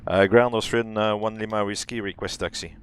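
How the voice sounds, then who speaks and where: A man flying as a pilot, calling air traffic control and running cockpit checklists over a headset, with halting calls full of fillers. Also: on the low side, fairly even intonation. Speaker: flight simulator pilot.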